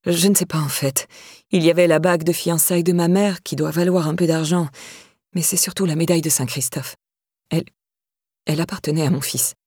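A woman narrator puts on a proud middle-aged woman in an audiobook, cold yet fragile. Her voice sits low and dark, quiet and restrained. The sound is dry and close. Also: steady tone, fairly quick, husky, no room sound. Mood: grieving.

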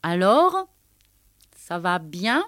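A woman's voice: on the low side, big pitch swings, very slow, a bit bright, no echo, studio quality, exaggerated voice. A woman doing a bellowing boisterous soldier. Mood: jovial. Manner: boisterous, bellowing and gleefully mocking. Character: loud boisterous young male soldier on leave.

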